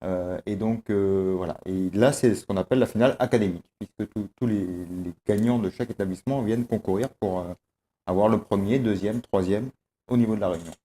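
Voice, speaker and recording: A man organizing a student competition, explaining it in an interview with many pauses and fillers. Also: fairly low pitch, warm tone. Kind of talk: interview answers.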